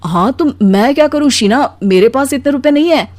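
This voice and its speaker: A woman voicing a weary, put-upon, soft-hearted husband in an animated story, with a plaintive manner. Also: high voice, moderate pace, no echo. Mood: hesitant.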